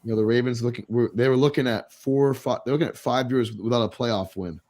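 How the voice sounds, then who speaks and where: A man's voice: medium pitch, fast talker, a little mellow. A man co-hosting a sports podcast, talking loosely with many fillers and jokes. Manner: loose, filler-heavy, joking. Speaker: podcast co-host. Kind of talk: casual sports talk.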